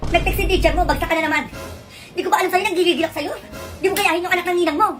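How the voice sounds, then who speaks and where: High-pitched fast-talking woman scolding. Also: fairly even intonation, fairly bright tone, soft background music. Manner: scolding, exasperated. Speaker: comedy skit performer playing mother and child. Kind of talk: comedic family skit.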